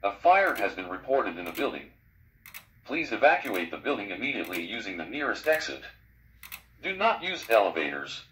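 A man reading a formal emergency evacuation message in a calm, measured way, played back through fire alarm loudspeakers. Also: on the low side. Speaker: recorded emergency announcer. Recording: echoey, distant loudspeaker with loud noise.

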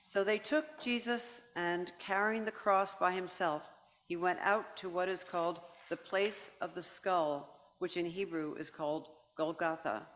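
Steady liturgical narrator in church. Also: medium pitch, unhurried. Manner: steady, even reading aloud. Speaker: narrator of the Passion reading. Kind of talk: liturgical scripture reading. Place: large church. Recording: church with long reverb.

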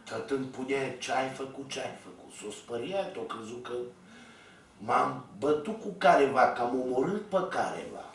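Heard from a distance through heavy reverb, a man with an expressive mid-range voice tells a rambling personal story. A vlogger, he talks straight to his audience in a blunt, coarse, colloquial way.

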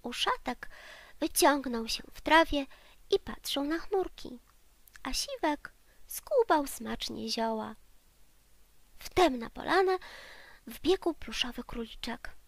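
A woman narrating a children's audiobook in a gentle, drawn-out voice that often drops into soft whispers. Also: sits high, sing-song, creaky, no room sound. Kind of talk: storybook reading for children.

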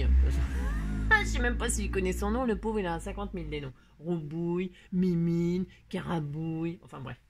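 A woman hosting a card-making tutorial, chatting casually and rambling, talking straight to viewers with lots of self-mocking asides. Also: on the low side. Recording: noisy home recording.

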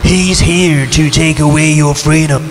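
A man playing a menacing, hammy horror trailer announcer, narrating in an ominous, dramatic, drawn-out horror trailer voice. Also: on the high side, fairly even intonation, natural voice. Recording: loud music over the voice. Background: loud music.

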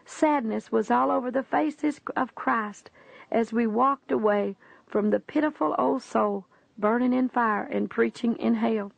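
A woman's voice: on the high side, unhurried, vocal fry, no room sound. A woman reading a religious testimony aloud in an earnest, preachy way, calling the listener her friend. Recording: dull, dry lo-fi recording.

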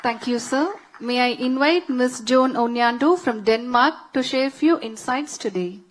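A woman's voice: fairly high pitch, measured pace. A woman makes formal stage announcements as the host of an event.

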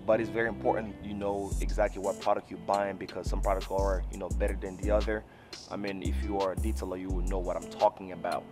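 A man in his thirties with a fairly low voice talks casually to the camera like a hands-on instructor. He explains step by step, often repeating words and addressing viewers directly. He is recorded outdoors on a camera mic, with clear music behind him. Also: flat delivery, fast talker. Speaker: mobile car detailer and video host. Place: outdoors on an open rooftop parking lot beside a van. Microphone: camera mic, mostly handheld at arm's length.

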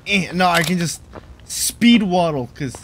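Young male gaming host, bright, jokey let's-play commentary, faint background noise. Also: sits high, animated, measured pace, rough recording. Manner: goofy, jokey running commentary.

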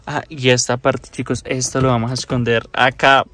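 A young man in his twenties, a prank vlogger, talking excitedly and nervously to his phone camera inside a parked car. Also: mid-range voice, normal speed. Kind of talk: casual prank vlog. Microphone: phone camera at arm's length.

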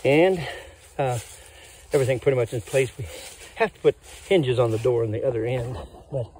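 Filming on a handheld phone, an older man casually shows off his woodland cabin outdoors, chatting in a folksy, rambling style packed with fillers. He speaks at a moderate pace in a medium-pitched, slightly mellow voice, and there's a bit of background noise.

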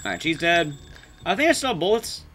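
A young man with a fairly high, bright voice talks briskly and forcefully, his pitch swinging wildly. He's a game streamer and speedrunner, cracking jokes and swearing casually as he narrates his gameplay live.

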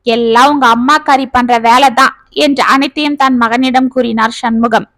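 A woman storyteller reads a family drama aloud in a steady, plain way. Her voice sits high and the sound is close and dry, with no room around it. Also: normal speed, no echo, poor audio. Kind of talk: scripted family story narration.

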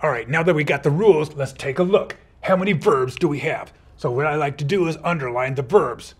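A man's voice: a little high, brisk, slightly rough. A man teaching kids grammar in a playful, upbeat superhero persona. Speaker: teacher playing a comma superhero. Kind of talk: educational video for kids.

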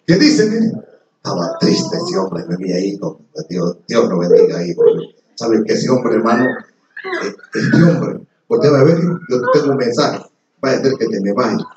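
A male pastor preaching a sermon in an animated way, calling his listeners "brother" again and again. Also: medium pitch, normal speed, slight background noise. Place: church service before a congregation. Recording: echoey church hall, mic far off, dull lo-fi sound, congregation audible.

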